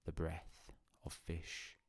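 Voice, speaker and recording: A man narrating a calm bedtime story in a hushed, solemn, unhurried way with long pauses. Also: no room sound.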